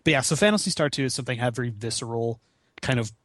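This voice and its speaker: Speaking rapid-fire in an expressive, fairly bright mid-range voice, this twentysomething podcast guest who runs gaming marathons chats loosely about video games. He curses often and tosses in slangy jokes at his own expense, all in clean studio sound with no echo.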